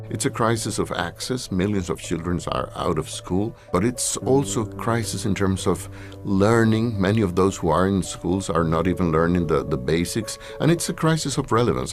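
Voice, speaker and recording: A man speaking earnestly in a promotional video, with small restarts as he thinks. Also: deep voice. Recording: voice over clear music.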